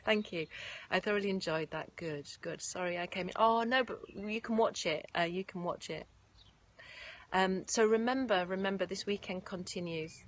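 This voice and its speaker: A woman teaching yoga nidra outdoors, who guides a meditation and then chats to her live viewers in a gentle, effusive way. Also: mid-range voice, normal speed. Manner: gentle, effusive, often laughing. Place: outdoors in nature. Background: faint birds and distant traffic.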